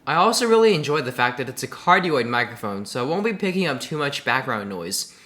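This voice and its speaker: Upbeat man reviewing tech, lively voice. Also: medium pitch, a little fast. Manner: upbeat, enthusiastic. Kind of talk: scripted product review. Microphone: desk USB condenser mic. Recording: roomy echo, faint music.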